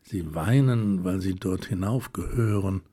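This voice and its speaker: A man voicing an earnest, troubled male admirer who speaks in an urgent, pleading way, with a low, mellow voice. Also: unhurried, slightly rough.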